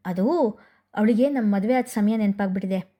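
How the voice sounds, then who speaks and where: A woman voicing a young husband who talks quickly and reassuringly. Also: medium pitch, warm tone, lightly acted.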